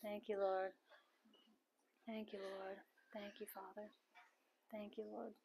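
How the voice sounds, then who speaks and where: A middle-aged woman ministering at a house meeting, her voice soft and coaxing as she prays over people. She repeats her phrases gently, at a middle pitch, heard from a camera across a large living room. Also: level tone, slow pace, vocal fry, slight background noise.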